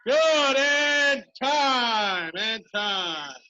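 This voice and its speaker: A man's voice: very high voice, animated, extremely slow, bright, forceful tone. A man coaching a youth workout live, barking urgent, repeated commands and encouragement like a gym coach over dull call audio. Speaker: youth sports coach leading a remote group workout. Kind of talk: live workout instruction, calling out drills.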